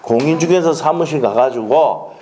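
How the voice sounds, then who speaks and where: A man's voice: on the high side, moderate pace, dark tone, slight background noise. A man with a Gyeongsang Korean accent giving a classroom law lecture, blunt and colloquial, constantly firing rhetorical questions and checking that students follow.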